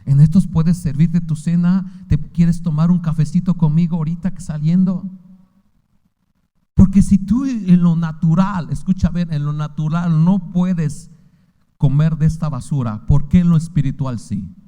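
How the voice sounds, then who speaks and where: Fervent Mexican pastor in a reverberant hall. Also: male voice, on the high side, unhurried, dark tone. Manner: fervent preaching with rhetorical questions. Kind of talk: sermon.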